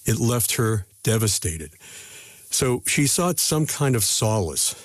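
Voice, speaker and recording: Man, news reporter, scripted narration, low voice, dry booth. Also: big pitch swings, no echo. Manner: measured, deliberate storytelling.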